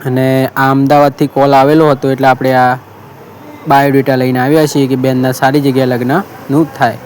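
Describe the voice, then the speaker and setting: A man's voice: medium pitch, a little mellow, slight background noise. A man with a Gujarati accent, hosting a marriage bureau appeal, telling a story in an earnest, repetitive way and quoting the people who called him. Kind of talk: casual monologue appeal.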